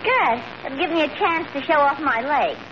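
High-pitched, eager tavern gal, Miss Duffy. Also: female voice, animated, moderate pace. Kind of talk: 1940s radio comedy acting. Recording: noisy muffled old radio broadcast, audience behind.

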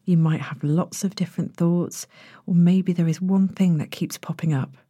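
A woman narrating a sleep story as a guided relaxation, in a gentle, hushed and breathy manner with long pauses. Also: on the low side, steady tone, dry recording, clean studio sound. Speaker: podcast host, sleep meditation narrator.

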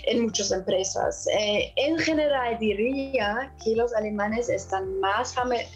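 Woman, German accent, non-native speaker. Expert interview guest, unhurried and hesitant, music underneath. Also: on the high side, highs cut off. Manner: hesitant, searching for words. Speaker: interview guest, customer service technology expert. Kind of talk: interview answers.

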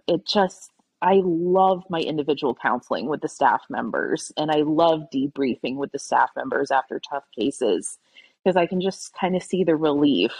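A woman's voice: low-pitched, dry recording. A woman working as a veterinary social worker, answering interview questions earnestly and searching for words now and then.

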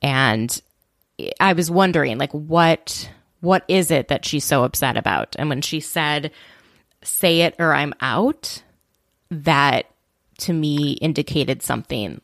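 Low-voiced woman recapping with blunt indignation. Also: a little slow, vocal fry, no echo, clean studio sound. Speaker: podcast co-host. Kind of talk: casual recap chat.

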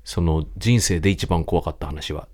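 A man co-hosting a podcast in relaxed casual chat, telling stories with sudden jumps of excitement. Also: normal speed. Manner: relaxed, chatty, animated storytelling with sudden rises in pitch. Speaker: podcast co-host.

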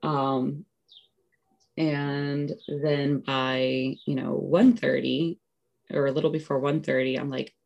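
Low, gravelly-voiced woman telling a story. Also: a little mellow. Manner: chatty, full of "like" and "you know" fillers; acts out her own past remarks in quotes. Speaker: interview guest. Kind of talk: casual storytelling.

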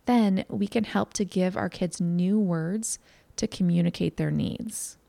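A woman's voice: lowish voice, measured pace, gravelly, dark tone, no echo. A mother talking earnestly and candidly to parents, in a conversational way, as a parenting educator. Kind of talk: talk to parents.

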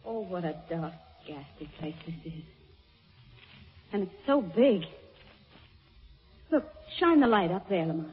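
A woman's voice: lowish voice, expressive, measured pace, pauses often, big-room sound, soft background music. An actress playing an anxious but plucky lady companion to a detective, dramatic, in old-time radio mystery style. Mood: uneasy. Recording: muffled old radio recording.

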